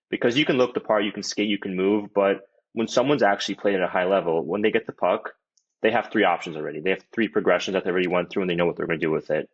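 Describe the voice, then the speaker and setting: His voice low and slightly rough, a hockey player in his twenties chats as a guest in a casual interview. He's laid-back and meandering, full of "like" and "you know," and the recording is dull and lo-fi.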